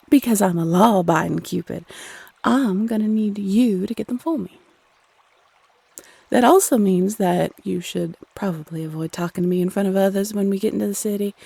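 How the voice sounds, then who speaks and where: Woman acting as a sassy, gravelly female Cupid. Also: medium pitch, mellow, dry recording. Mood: teasing, brisk. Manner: sassy, chatty, teasing, uses pet names. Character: playful, teasing female Cupid, bossy little love goddess. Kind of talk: scripted audio roleplay addressed to the listener.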